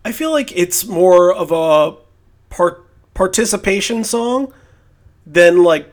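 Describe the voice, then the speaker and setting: A man's voice: high-pitched, animated, slow. A man hosting a podcast in casual chat, talking in a rambling, reflective way. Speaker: podcast host.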